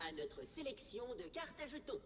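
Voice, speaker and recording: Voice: mid-range voice, big pitch swings, normal speed, a bit bright. An actor voicing a cheerful, courteous robot companion in a video game, with formal, polished service patter. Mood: eager, courteous. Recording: music playing behind.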